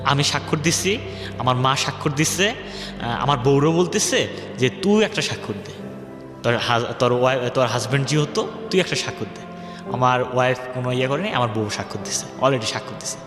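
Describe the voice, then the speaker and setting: Speaking at a medium pitch with lively inflection and a fairly quick tempo, a young radio guest rambles about his life and imitates what others told him. There's background music and a reverberant, hall-like echo.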